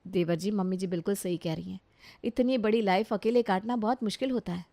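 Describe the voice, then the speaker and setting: A woman's voice: medium pitch, brisk, creaky, dark tone, no echo, close to an everyday voice. Brief: woman voicing a sensible sister-in-law, earnest, dry studio. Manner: earnest, persuasive. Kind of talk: storybook voice acting.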